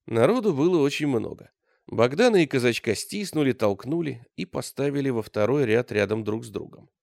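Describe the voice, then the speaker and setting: Guy narrating an audiobook, gravelly, super animated. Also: mid-range voice, fairly quick, no room sound. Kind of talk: scripted narration.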